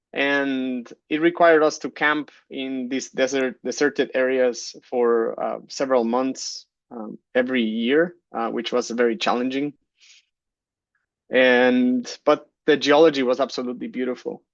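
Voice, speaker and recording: A man in his thirties from Guatemala, giving a conference keynote talk, relaxed, with many fillers and restarts. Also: mid-range voice, no room sound, dull audio. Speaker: keynote speaker, geologist. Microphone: computer mic on a video call.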